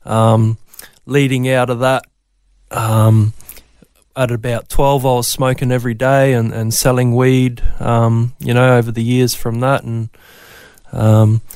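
A man's voice: medium pitch, level tone, unhurried, darkish tone, clear, resonant tone, dry recording, clean studio sound. A man from Brisbane with a Queensland Australian accent, telling his story casually and a little hesitantly as an interview guest. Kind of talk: casual personal testimony in interview.

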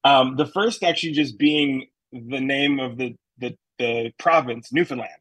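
Chatting easily about his stage work as an interview guest, a New England-accented actor fills his answers with ums and restarts. His voice is medium-pitched, a little slow and a bit bright, with a husky, slightly breathy edge. It is recorded close and dry with no echo, and the quality is low.

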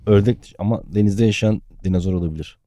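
A man co-hosting a podcast, telling playful bits in an animated, casual way. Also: lowish voice, fast, no echo, clean studio sound. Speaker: podcast co-host. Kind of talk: casual comedic chat.

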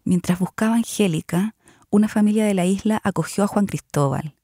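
A woman hosting a podcast, delivering measured, scripted narration and interview questions. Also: mid-range voice, warm tone, dry recording, studio quality.

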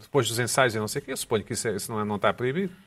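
A man with a European Portuguese accent co-hosting a casual panel chat, teasing and quick to jump in. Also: mid-range voice, fairly bright tone, husky. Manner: teasing, fast-talking. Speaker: talk show co-host.

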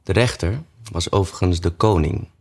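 A man reading a storybook aloud, relaxed and pausing with small hesitations. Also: low voice.

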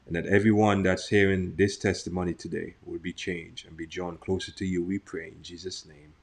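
A man's voice: sits low, little pitch movement, a little fast, gravelly. A man hosting a faith talk show, leading a prayer and joking with his guest. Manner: friendly, jokey banter. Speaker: host.

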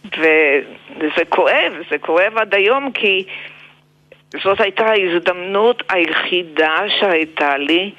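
An older woman with an Israeli accent, speaking reflectively and deliberately in an interview, with pauses and emphatic repetitions. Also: mid-range voice, muffled recording. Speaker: interviewed memoir author.

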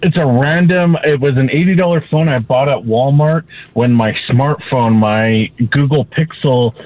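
A man's voice: medium pitch, a little slow, no echo, highs cut off. Man calling in on speakerphone. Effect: on speakerphone from a flip phone. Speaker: caller. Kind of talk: casual chat.

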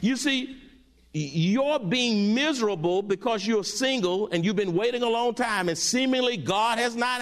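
A middle-aged male pastor preaching a sermon with animated call-and-response to his congregation. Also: high-pitched, creaky.

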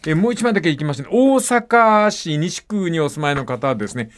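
Older man, radio host, casual talk, reading listener letters, lively swooping pitch, slightly high voice, acts out little voices. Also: brisk. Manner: animated storytelling, acts out dialect phrases.

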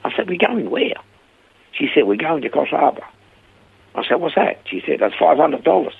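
Through narrow, phone-like radio sound comes a fairly high-pitched voice with vocal fry and a breathy edge, at a moderate pace. It belongs to an older man from Switzerland with a Swiss accent, a lively radio guest who performs the voices of the people he quotes in his story.

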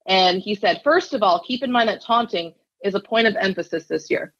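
A woman's voice: mid-range voice, fairly quick, a bit bright, no echo. Female guest, casual incredulous talker, muffled lo-fi remote audio. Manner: conversational, many fillers and restarts, incredulous. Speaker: managing editor, podcast guest. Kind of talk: casual sports talk.

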